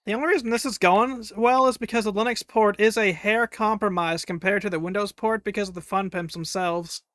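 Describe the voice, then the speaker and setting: High-voiced man streaming a game. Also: fairly even intonation, a little fast, fairly bright tone, no echo. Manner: chatty, wry, taunts enemies while playing. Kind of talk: casual live gameplay commentary.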